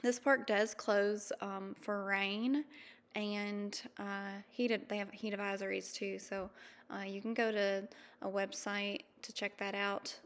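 A woman in her thirties narrating a travel vlog in a chatty, easygoing way, with frequent ums and quick laughs. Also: medium pitch, level tone, a bit bright, big-room sound. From mountain region. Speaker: vlogger. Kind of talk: casual voice-over narration.

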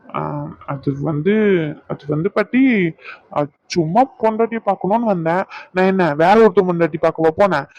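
A man plays an exasperated young husband in a cartoon who pleads and complains. His voice sits fairly high and sounds dry. The recording is dull and lo-fi. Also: moderate pace, a little mellow, no room sound.

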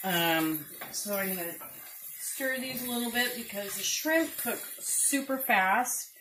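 A middle-aged woman hosting a casual home cooking demonstration, chatty and unhurried with lots of ums. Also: mid-range voice, lively intonation, noisy background. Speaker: cooking show host. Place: home kitchen, indoors. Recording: roomy kitchen with sizzling pan. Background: frying and sizzling food.

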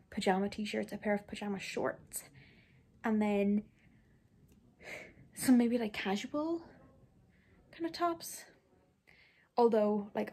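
A woman's voice: medium pitch, gravelly, mellow, breathy edge. A young woman chatting casually in a rambling vlog, full of fillers, first while driving and later at home. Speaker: vlogger. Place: in a car, then at home.

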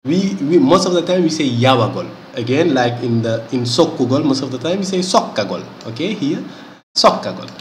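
A man teaching a language lesson, saying each word slowly, repeating it and often checking in with "okay?". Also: medium pitch, sing-song, a little hiss or hum. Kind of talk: vocabulary lesson. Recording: echoey room with faint ambience.

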